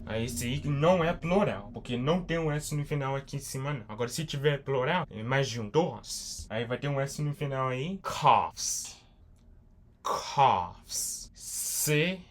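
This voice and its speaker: A man teaching an online English lesson, speaking slowly and repetitively and spelling words out letter by letter. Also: mid-range voice. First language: Portuguese.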